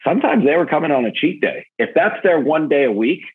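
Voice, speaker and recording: A man in an interview talking about event planning and meals, telling stories with lively jumps up in pitch when he gets excited. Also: quick pace, husky. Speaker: podcast guest, event marketer. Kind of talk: casual interview talk. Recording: narrow phone-like audio.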